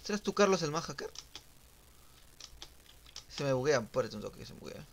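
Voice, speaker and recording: A young man streaming a game, giving casual live commentary that swings from muttering to sudden shouts and sing-song teasing. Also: medium pitch, moderate pace, vocal fry, a little hiss or hum. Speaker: gaming streamer.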